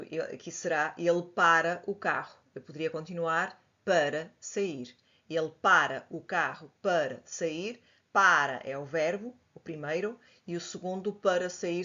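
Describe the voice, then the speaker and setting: A woman with a European Portuguese accent, teaching a grammar lesson and patiently explaining, spelling examples out slowly. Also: sits low, fairly bright tone. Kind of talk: slide-based grammar lesson. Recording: dull lo-fi audio.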